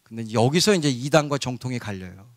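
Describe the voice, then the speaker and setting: Animated preaching man, lively pitch. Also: a little fast, no echo, studio quality. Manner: animated preaching, rising to loud cries and acted quotes. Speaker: pastor. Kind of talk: sermon.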